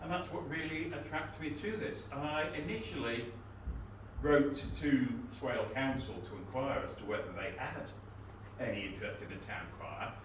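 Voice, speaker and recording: A man's voice: medium pitch, normal speed. A man, answering panel questions in an articulate, wry, self-deprecating way. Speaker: town crier candidate, retired teacher. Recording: very echoey hall, distant mic, faint noise.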